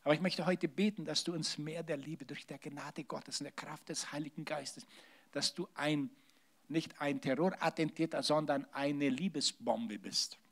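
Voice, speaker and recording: Male preacher, high voice, animated sermon that drops to near-whispers. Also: normal speed, vocal fry. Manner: animated preaching with large swings in loudness, drops to hushed tones. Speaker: pastor.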